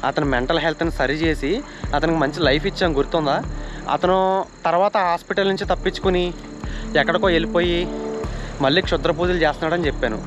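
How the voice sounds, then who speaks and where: Excitable ghost-hunting vlogger man in a forest. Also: fairly high pitch, fast talker, pauses often, muffled recording. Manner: addresses viewers as "guys", shouts and yells when scared. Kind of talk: excitable horror vlog narration. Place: outdoors in a forest. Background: background music, crickets.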